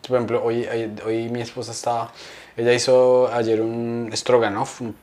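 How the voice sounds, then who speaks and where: Animated man telling stories. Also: mid-range voice, moderate pace. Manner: animated storyteller, slangy, acts out quotes. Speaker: podcast co-host. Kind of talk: casual comedic chat.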